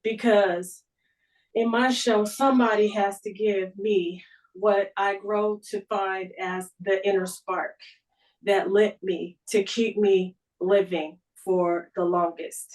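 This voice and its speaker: A middle-aged woman speaking as a guest at a club meeting, telling a personal story in an unhurried, conversational way. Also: mid-range voice, steady tone, darkish tone, far from the mic, low-quality recording. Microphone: video call.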